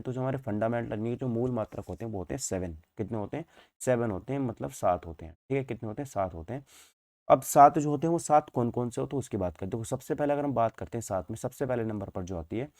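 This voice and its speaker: A bright-voiced man teaches physics in an informal online exam-prep lecture, using Hindi mixed with English terms. His mid-range voice moves at a quick pace, and the studio-quality audio has no echo. He repeats points, asks and answers his own questions, and uses frequent check-in tags.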